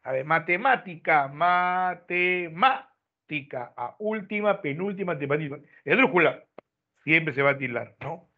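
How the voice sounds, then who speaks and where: A man teaching an online class, explaining step by step and ending his points with quick checks to his students. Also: fairly high pitch. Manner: explains step by step, tags lines with "¿no?". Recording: tinny phone-like online audio.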